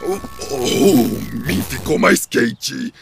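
An actor voicing a hungry, simple-speaking male monster with a gravelly voice who speaks of himself in the third person, with broken grammar. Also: mid-range voice, lively intonation, extremely slow, over music, exaggerated voice. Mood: relieved. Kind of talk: children's TV puppet dub.

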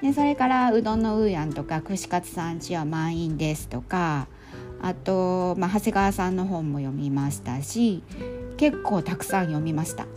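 A middle-aged woman with a Kansai accent chatting casually through a monologue recap, with plenty of fillers and relaxed phrasing. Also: lowish voice, normal speed, over music. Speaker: storytelling volunteer and podcast host.

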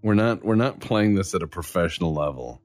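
A man's voice: low voice, animated, fairly quick, dry recording, faint music behind. A man playing a tabletop game, with dry, wry comments on the group. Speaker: player. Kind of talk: casual tabletop play.

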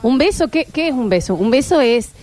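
A woman with a Rioplatense Spanish accent, hosting a radio show in playful, quick banter with her co-hosts. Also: high voice, lively intonation, darkish tone. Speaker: radio host. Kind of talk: casual chat.

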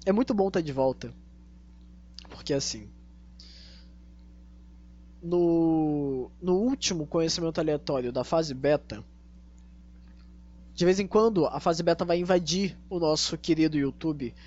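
A Brazilian man hosting a casual monologue to his listeners, speaking with a tongue-tied, slushy s and deliberate, repetitive phrasing. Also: on the high side, darkish tone. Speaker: podcast host. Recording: dull lo-fi audio, faint hum.

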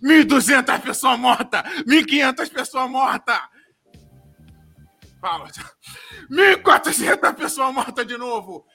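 A man's voice: very high voice, animated, unhurried, pauses often, breathy edge, faint music behind. Rambling, profane Brazilian man. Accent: Brazilian Portuguese. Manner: rambling, profane storyteller who shouts sound effects. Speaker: podcast co-host. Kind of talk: comic movie recap.

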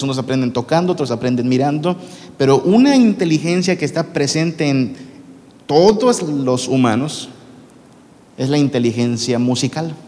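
In a large church hall, a man preaches a sermon to the congregation conversationally, asking them questions as he goes. His voice is medium-pitched with a darkish tone, and the recording carries long reverb from the big hall.

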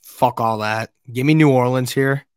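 A man with a hoarse, worn voice co-hosts a sports podcast. He is brash and swears freely, in a middle pitch. The mic sounds dry and close. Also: normal speed, dry recording. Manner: brash, swears, trash-talks teams. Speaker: podcast co-host. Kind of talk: casual sports chat.

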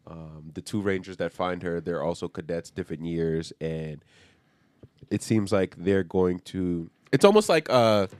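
A man's voice: low-pitched, unhurried, no echo. Casual young man with a dry voice. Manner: animated, swears freely, acts out characters while recapping. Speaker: podcast co-host. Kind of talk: casual chat.

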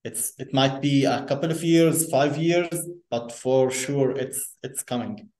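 An engineer who grew up in Lebanon speaks as a guest in a conversational interview, frequently repeating words and restarting his sentences. His mid-range voice has a darkish tone and a slightly slow pace, and the room is echoey.

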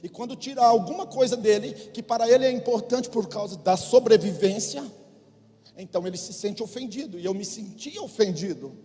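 A man's voice: high-pitched, a little fast, dark tone. A middle-aged male pastor from Brazil preaching a sermon, leading the congregation in call-and-response. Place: church hall. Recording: long hall reverb.

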